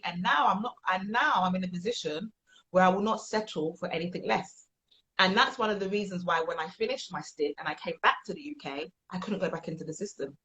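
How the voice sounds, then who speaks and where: A woman's voice: on the low side, fairly bright tone. A woman working as a transformational coach, answering interview questions in an earnest, emphatic way and repeating phrases for weight. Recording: dull, lo-fi sound.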